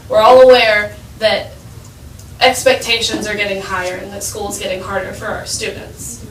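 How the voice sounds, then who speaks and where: A high school girl in her late teens giving an earnest persuasive speech with emphatic repetition. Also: a bit bright, slight background noise. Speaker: high school student speaker. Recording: echoey room, mic far off.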